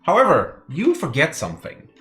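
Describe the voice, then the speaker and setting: A woman's voice: sits low, wildly swooping pitch, normal speed, a bit bright, soft background music. A woman casually running a tabletop roleplaying game as game master.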